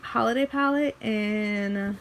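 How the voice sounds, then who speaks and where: A beauty vlogger, a young woman from Missouri in the American Midwest, talks slowly and casually about her makeup collection from her bedroom. Her voice is medium-pitched and a bit scratchy due to allergies, and she rambles chattily, restarting now and then.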